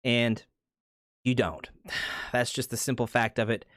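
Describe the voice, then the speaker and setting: A young man giving a casual, rambling movie review, excitable and swearing freely. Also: medium pitch, takes it slowly, no room sound, clean studio sound. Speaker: channel host.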